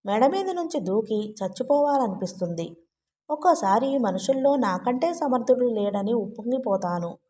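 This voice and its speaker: A woman's voice: on the high side, animated, moderate pace, warm tone, a little hiss or hum, lightly acted. A woman voicing a moody young man in love who swings between gloom and pride, speaking as an earnest confession in a storybook reading. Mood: brooding.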